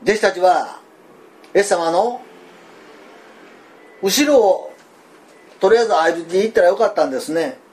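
An older man with a Kansai accent, preaching a sermon in a folksy, animated way, full of fillers and asides. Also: high-pitched, moderate pace, pauses often. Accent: Kansai (Osaka dialect). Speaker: pastor.

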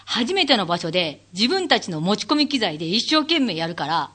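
A woman hosting her own talk show, chatting alone and acting out what people said with big jumps in her voice, laughing often. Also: a little fast. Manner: animated storyteller who acts out quotes with big pitch leaps; laughs often while talking. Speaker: radio show host; stage manager. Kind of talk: casual solo talk-show monologue.

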